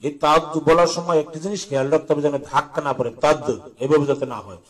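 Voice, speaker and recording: A man teaching Quran letter pronunciation, slowly chanting drills between quick colloquial explanations. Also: a little high, fairly even intonation, distant mic.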